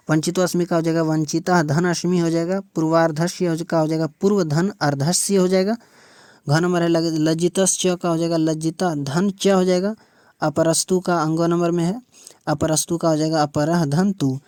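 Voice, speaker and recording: Male tutor with a Bihari Hindi accent, slightly high, monotone, reads then explains. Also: no room sound, studio quality. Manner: reads each line aloud, then explains it. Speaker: teacher. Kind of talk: explaining a textbook lesson.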